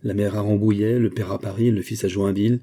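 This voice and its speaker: A man reading aloud, voicing a sharp-tongued young woman shop clerk in a storybook. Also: lowish voice, steady tone, quick pace, natural voice. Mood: mocking. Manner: tart, mocking.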